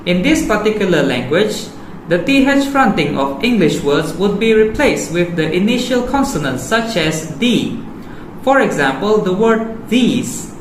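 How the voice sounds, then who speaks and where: A man reading out a formal, scripted presentation as a student presenter. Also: sits high. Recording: roomy echo, faint background noise.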